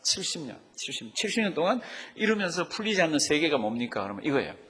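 A man's voice: on the high side, sing-song, quick pace, bright, forceful tone, breathy edge. A man preaching a Bible-teaching sermon, often putting questions to the congregation. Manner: asks the congregation frequent questions. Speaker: pastor. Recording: long hall reverb.

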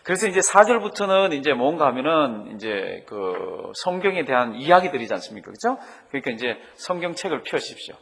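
Male pastor, Bible study sermon, husky voice, church hall with long reverb. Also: medium pitch, fairly quick, few pauses. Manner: animated, leads congregation in reading aloud.

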